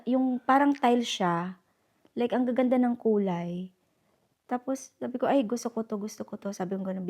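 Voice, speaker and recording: A woman's voice: a little high, darkish tone. A woman vlogger chatting casually, telling a story with lots of fillers and switching into English. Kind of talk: casual vlog chat.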